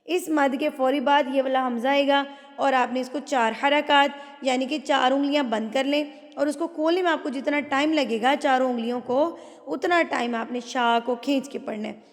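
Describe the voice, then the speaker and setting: A woman teaching tajweed, patiently explaining each rule and reciting phrases slowly. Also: sits high, fairly even intonation, long reverb tail. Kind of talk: tajweed lesson with slow recitation.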